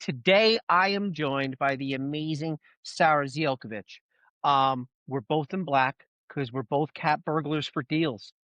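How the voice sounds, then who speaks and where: Joking male podcast host, slightly high voice. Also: unhurried, a bit bright, dry recording, dull audio. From Brooklyn, New York. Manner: joking, self-mocking banter. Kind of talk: casual podcast interview.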